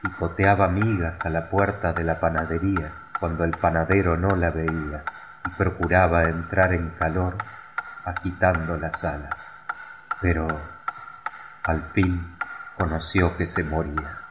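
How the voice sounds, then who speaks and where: Slow, deep-voiced male storyteller. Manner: slow, measured, expressive reading. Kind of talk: scripted storybook narration. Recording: noisy recording with clicks.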